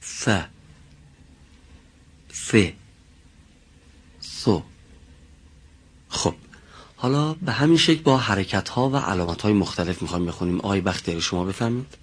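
A man teaching pronunciation in a classroom, patiently drilling single sounds and correcting students. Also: lowish voice.

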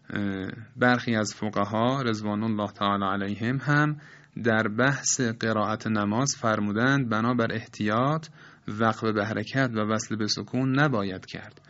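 A man teaching Quran recitation rules in a recorded lesson, explaining in a measured, patient way with polite formal phrasing. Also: fairly low pitch, fairly bright tone, lo-fi sound.

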